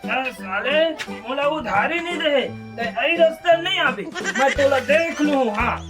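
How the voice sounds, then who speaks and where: A man's voice: very high voice, expressive, unhurried, music in the background. A man playing a belligerent, boastful village customer in a comedy skit, with a Chhattisgarhi accent and a repetitive, blustering way of talking. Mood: indignant, threatening. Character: belligerent male village customer demanding credit, boastful nephew.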